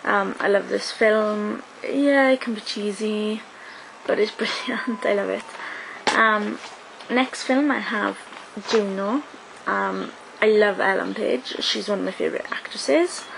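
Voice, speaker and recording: A gravelly, medium-pitched voice belongs to a young vlogger from South Wales who takes her time talking to the webcam close by. In a small indoor room with noise in the background, her casual chat is loaded with "um"s and "like"s.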